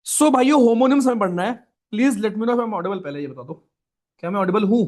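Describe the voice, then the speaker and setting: A young man with a Hindi accent teaches an online class in a high, expressive, brisk, slightly mellow voice. He is chatty and informal, calls his students brothers and friends, repeats key points, and often asks "right?"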